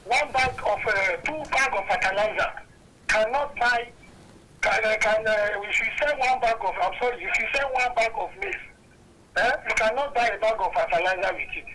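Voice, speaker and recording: A Nigerian man calling in to a talk show over a clipped phone line, talking earnestly and haltingly and often repeating himself. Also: high voice, a crowd in the background. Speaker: caller. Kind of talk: call-in comment on a talk show.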